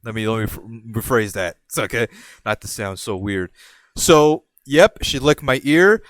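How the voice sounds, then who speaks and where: On his podcast, a young man from Puerto Rico rambles through a story in a relaxed way, restarting sentences and animatedly acting out quoted voices. His pitch is middling, his pace a bit unhurried, and the audio is dry.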